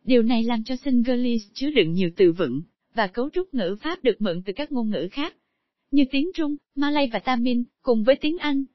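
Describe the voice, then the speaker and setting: A woman reading a scripted narration at an even, steady pace, stumbling over English terms. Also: on the high side, moderate pace, no room sound. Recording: dull lo-fi dry recording.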